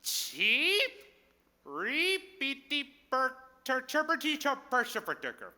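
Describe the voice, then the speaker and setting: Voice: high-pitched, wildly swooping pitch, takes it slowly, pushed and bright, full character voice. An actor playing a father who talks in cartoon bird squawks, clucks and cheeps in a stage play. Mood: squawking nonsense. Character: adult father imitating squawking, chirping bird talk. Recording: echoey hall with music.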